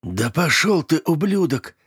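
A man's voice: fairly high pitch, very animated, a little slow, fairly bright tone, slightly rough, dry recording, voice pushed up, full character voice. A foul-mouthed young man, beaten and hurting, spits out strained, snarling curses, as a male reader puts him on. The voice sits well above the reader's own and sounds pinched and thin. It is close and dry, with no room around it. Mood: snarling, pained. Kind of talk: audiobook character voice.

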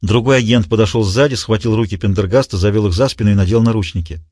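A man narrating a thriller audiobook in expressive storytelling style. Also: lowish voice, fast, dry recording, studio quality. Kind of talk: scripted narration.

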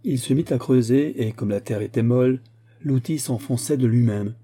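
A man reading a fantastic folk tale aloud as narrator, in a lively storytelling manner. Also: medium pitch, moderate pace, breathy edge. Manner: lively storytelling, voicing the grandfather's lines.

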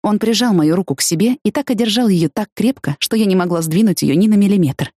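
A woman reading a first-person novel aloud, expressive and lifting her voice for lively quotes. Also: medium pitch, fast talker, no room sound, studio quality. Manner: expressive, lifts voice for excited quotes. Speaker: audiobook narrator.

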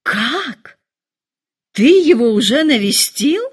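A woman voicing a nervous, excitable middle-aged mother who complains in shrill, dramatic outbursts. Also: normal speed. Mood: fretful.

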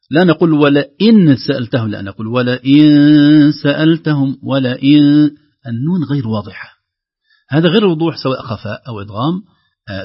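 A man teaching the rules of Quran recitation, who explains patiently and recites example words louder and drawn out. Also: mid-range voice, breathy edge, no room sound, dull audio. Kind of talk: tajweed lesson with recited examples.

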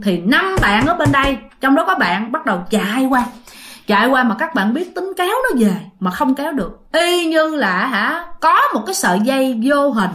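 Animated Southern Vietnamese woman storyteller. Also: sits high. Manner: chatty, repeats phrases, keeps addressing listeners. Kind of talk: casual ghost story narration.

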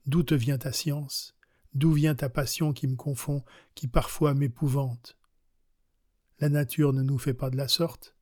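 A man's voice: mid-range voice, fairly even intonation, measured pace, a little mellow, no room sound, clean studio sound, natural voice. A man reading as an innocent, curious young woman in an audiobook of a classic novel, asking questions in a wondering tone.

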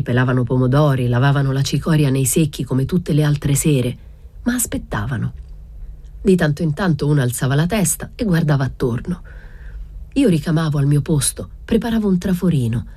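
A woman reading a literary novel aloud in a measured way, raising her pitch for the village women's voices. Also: mellow, breathy edge, dry recording. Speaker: reader.

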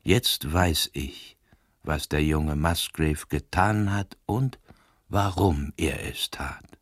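Guy reading a quiet old priest sleuth, deep husky voice, grave and unhurried, dry close sound. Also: no echo, exaggerated voice. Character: calm, sharp-minded old male priest detective. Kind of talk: scripted narration.

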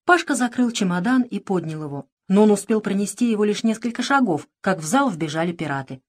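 Woman narrator, children's audiobook, lively expressive delivery. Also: medium pitch, a little fast.

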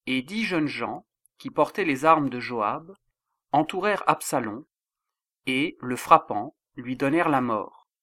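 A man reading a Bible audiobook in a measured, solemn manner on a close mic. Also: fairly high pitch, fairly bright tone, no room sound. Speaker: audiobook reader. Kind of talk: scripted Bible narration.

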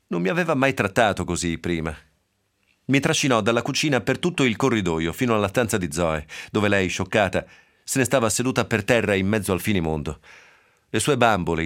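Rich: A man with a very low, deep voice reads a novel aloud for radio. His narration is measured and steady, delivered close to a studio microphone. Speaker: reader. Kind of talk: literary reading on radio.

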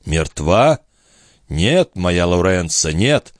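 A man voicing Balsamo, a proud, ambitious man who speaks in a measured, soothing way in an audiobook reading. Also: deep voice, very animated, no echo, studio quality, exaggerated voice. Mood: calm. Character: ambitious man, calm, proud, tender but cool.

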